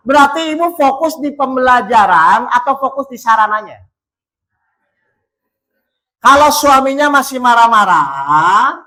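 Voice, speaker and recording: A man's voice: very high-pitched, sharp tone. A man preaching in a mosque, asking the congregation question after question and repeating his phrases for emphasis. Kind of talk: interactive mosque sermon.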